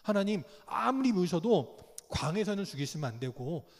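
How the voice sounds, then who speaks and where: A male pastor delivers a sermon with a lively, swooping voice pitched a little high. He tells stories and keeps asking the congregation questions. The sound rings with the long reverb of a church hall. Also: a little fast. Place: church sanctuary.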